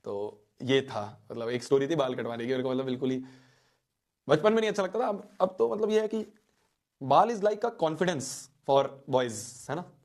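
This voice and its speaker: A young man, a teacher, telling a playful story to students in a lively way and talking straight to his audience. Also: mid-range voice, brisk.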